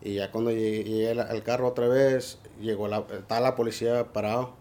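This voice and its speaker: A young adult local resident rescuer from the Laredo, Texas border region is interviewed, recounting events in a loose, casual storytelling way with frequent fillers and English words mixed in. His voice is on the low side and mellow, with a flat, brisk delivery.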